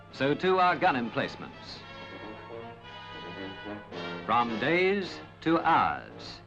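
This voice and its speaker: A man narrates a 1960s documentary with formal, dramatic weight. His voice is a little high and moves in animated swings. The old film soundtrack is dull and band-limited, with some music.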